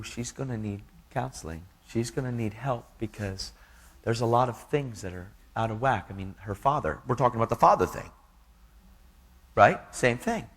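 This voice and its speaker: A man's voice: medium pitch, breathy edge. A man giving an earnest, casual testimony in a preaching style, full of slang.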